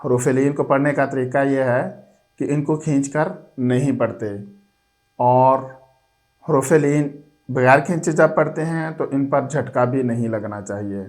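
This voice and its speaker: A man teaching a recorded lesson on reading letters, spelling out each syllable slowly and drawing it out. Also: mid-range voice, a little mellow.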